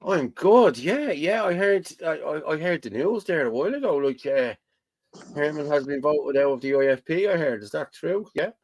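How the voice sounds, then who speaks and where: Co-hosting a relaxed livestream, an Irish man reads viewer comments and rambles, repeating himself with "you know what I mean." He sounds a little high and animated at a moderate pace, with no room sound.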